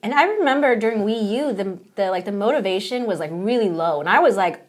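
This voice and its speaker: A woman's voice: mid-range voice, expressive, fairly quick. A woman guest on a podcast chatting casually about her old job, talking in a chatty way and laughing easily. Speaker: podcast guest, former game company employee. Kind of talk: casual chat.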